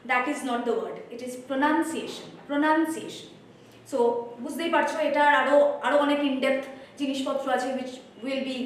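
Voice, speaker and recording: A Bengali-accented woman teacher lays out her spoken English course step by step, switching between Bengali and English. Her voice sits high and lands from a distance in a very echoey room. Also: slight background noise. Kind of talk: course introduction lesson. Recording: roomy echo, voice from far off.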